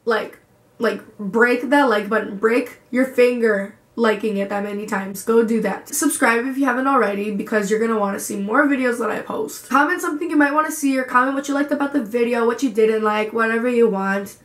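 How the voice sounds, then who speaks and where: A woman's voice: fairly high pitch, brisk, reverberant. A young woman vlogger telling a story in a gushing way and saying "like" a lot. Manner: gushing, lots of "like". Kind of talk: casual vlog storytelling.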